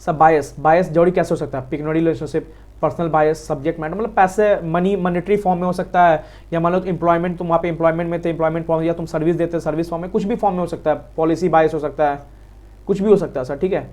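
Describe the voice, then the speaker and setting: A man with an Indian accent giving a quick exam revision lecture on law, talking fast and repeating key points to his students. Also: fairly high pitch, fairly even intonation, a little mellow. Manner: quick, repetitive, addresses students as sir. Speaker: law teacher.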